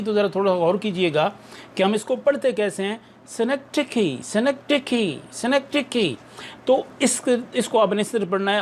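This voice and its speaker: A man's voice: high-pitched, slight background noise. A man teaching an English lesson, explaining carefully and repeating pronunciation drills. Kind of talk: recorded online lesson in Urdu-Hindi with English terms.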